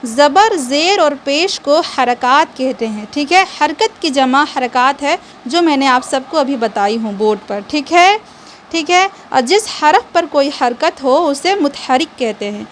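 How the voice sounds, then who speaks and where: A young woman with a high voice teaches an online reading lesson. She speaks patiently and keeps checking in with her listeners. She drags each syllable out slowly so every sound is clear, and faint noise sits under her voice. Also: lively intonation.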